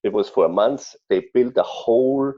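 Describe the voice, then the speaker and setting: A man with an Austrian accent, a chef telling stories in an interview, speaking haltingly with many fillers and restarts. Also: mid-range voice, highs cut off. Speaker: chef guest. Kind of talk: conversational interview storytelling.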